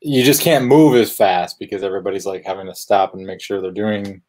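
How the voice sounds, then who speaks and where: Low-ish voiced guy, co-host, loose casual chat on a call. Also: fairly quick, a little mellow. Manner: loose, trailing sentences with "you know".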